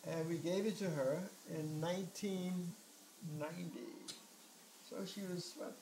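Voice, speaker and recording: An older man reading aloud to children in an expressive, unhurried storytelling manner, with friendly asides to his listeners. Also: on the high side, creaky. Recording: echoey room, distant mic, faint noise.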